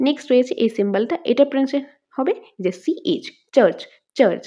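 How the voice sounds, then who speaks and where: A woman's voice: high voice, rapid-fire, mellow, dull audio. A woman teacher, giving an exam-prep lesson and repeating terms and example words aloud as a drill.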